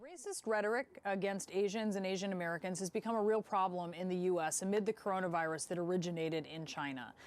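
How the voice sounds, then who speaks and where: Measured woman news anchor. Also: fairly low pitch. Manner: measured, scripted delivery.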